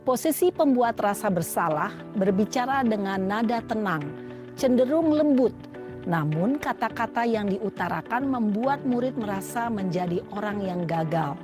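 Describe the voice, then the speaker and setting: Female voice-over for a teacher-training video, mid pitch, with clear music behind. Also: expressive. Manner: clear, measured, list-like explanation. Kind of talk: scripted educational narration. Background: background music.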